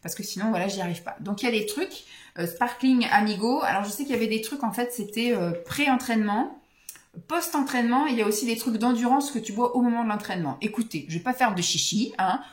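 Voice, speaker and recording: A woman's voice: a little high, fast talker, reverberant. A woman in her forties chatting casually to camera as a vlogger, rambling with many hesitations. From France. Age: 40s.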